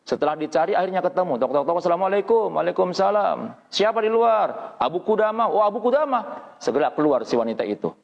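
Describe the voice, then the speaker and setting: A man's voice: sing-song, quick pace, vocal fry. Man preaching a story in a reverberant hall. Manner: dramatic retelling with quoted dialogue, pitch rising and falling. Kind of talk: storytelling sermon. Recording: dull lo-fi audio with long hall reverb.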